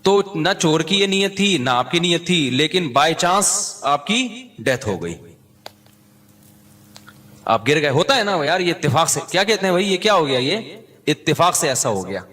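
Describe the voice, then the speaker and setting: A man's voice: a little high, fairly bright tone. A man giving a religious lecture, reciting verses in a chanted cadence and then explaining them in a casual, joking manner with everyday examples. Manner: conversational, teasing asides, everyday examples. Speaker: Islamic preacher.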